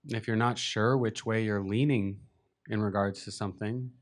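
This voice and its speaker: Guiding a meditation, this teacher uses a voice on the low side with fairly even intonation. He is gentle and unhurried, letting long pauses settle in.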